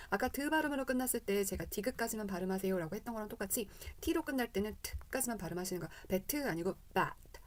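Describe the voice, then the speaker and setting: A woman teaching English pronunciation in a casual spoken lesson, repeating English vowel sounds as drills. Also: medium pitch.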